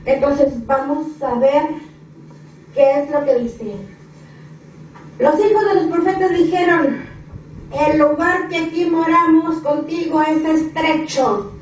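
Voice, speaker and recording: A woman's voice: high-pitched, takes it slowly, long pauses, darkish tone, slight background noise. A woman preacher delivering an impassioned sermon in a church, piling up repetitive phrases and rhetorical questions. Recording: echoey dull hall recording from a distance.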